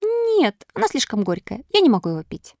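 Storybook: woman playing a bratty puppet boy, pitched very high, wheedling and shrill. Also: huge pitch swings, fairly quick, vocal fry, darkish tone, no room sound, clean studio sound, exaggerated voice. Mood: whiny. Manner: whining, pleading, shrill. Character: whiny, stubborn wooden boy puppet. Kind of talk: storybook reading.

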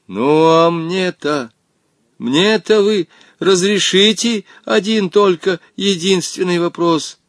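A man's voice: sits high, animated, moderate pace, no echo, clean studio sound, voice pushed up. A man voicing an indignant, nervous young boy in an audiobook, protesting and pleading.

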